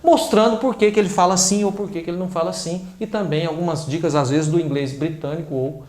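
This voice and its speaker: A man with a Brazilian Portuguese accent explains his teaching method in a high voice, hitting the stressed syllables hard. The sound is roomy and echoey. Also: steady tone, quick pace, a little mellow. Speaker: English teacher.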